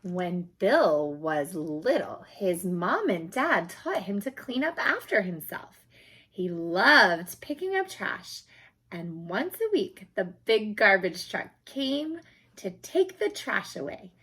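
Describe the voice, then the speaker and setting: Reading a picture book for children, a woman speaks slowly in a medium-pitched, slightly husky voice, telling the story with expressive emphasis.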